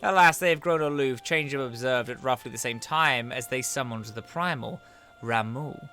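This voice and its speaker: A man's voice: medium pitch, normal speed, sharp tone, soft background music. A man reading a young scholar's game dialogue aloud in a mock-formal tone. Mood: earnest. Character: earnest young male scholar, read aloud.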